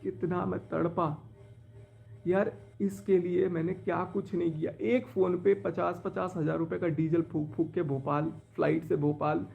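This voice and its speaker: Man, higher-pitched, dark gravelly voice, aggrieved live-stream vlogger, faint music behind. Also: level tone, moderate pace, phone-quality sound. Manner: aggrieved, pleading, recounting a betrayal. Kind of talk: emotional live-stream monologue. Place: in his car.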